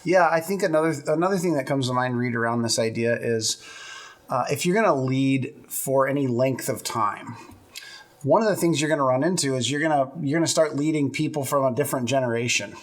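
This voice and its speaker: A man's voice: mid-range voice, a little fast. Earnest middle-aged man explaining leadership. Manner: earnest, explanatory, builds points with rhetorical "right?". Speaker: podcast co-host. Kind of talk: conversational leadership talk.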